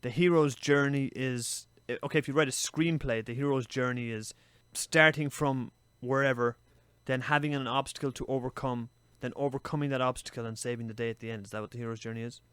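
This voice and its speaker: A man's voice: medium pitch, fairly quick, hardly any pauses, smooth, dry recording. Chatty man retelling a story, dry mic. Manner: chatty, swears freely, animated storytelling. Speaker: podcast co-host. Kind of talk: casual podcast chat.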